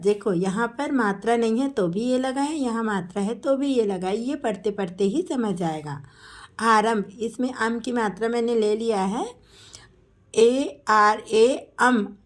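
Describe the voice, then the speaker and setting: A woman teacher works through a spelling lesson at a very slow, deliberate pace. Her voice sits a little high, and she stretches each name out syllable by syllable as she dictates it. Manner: drawn-out, syllable-by-syllable dictation of names.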